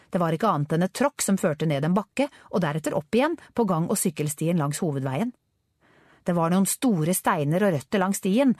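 Woman reading an audiobook, lively swings in pitch, slightly low, dry close sound. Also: no room sound. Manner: expressive storytelling. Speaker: audiobook narrator. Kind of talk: scripted narration.

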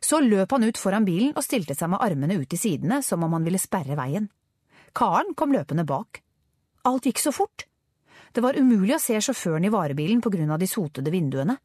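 A woman narrating a children's adventure story with expressive storytelling. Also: mid-range voice, slightly rough, no echo, studio quality. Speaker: audiobook narrator. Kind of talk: scripted narration.

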